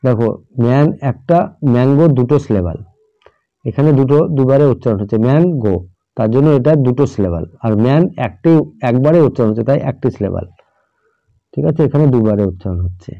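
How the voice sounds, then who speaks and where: Students hear a man go through English grammar at a patient pace, spelling each word out and frequently checking "all right?" to see if they follow. His medium-pitched voice is fast with lively intonation. It's a dull, lo-fi recording with a dry, close sound.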